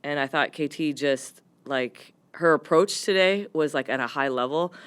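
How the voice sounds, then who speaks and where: A woman head coach answering post-game press questions, her voice hoarse from yelling, speaking candidly with lots of fillers. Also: low voice, moderate pace. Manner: candid, rambling with frequent fillers.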